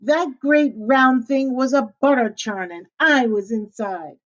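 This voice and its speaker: A woman voicing a clever young male pig with a high, cheeky voice, in a slightly dull recording. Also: takes it slowly, fairly bright tone. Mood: triumphant.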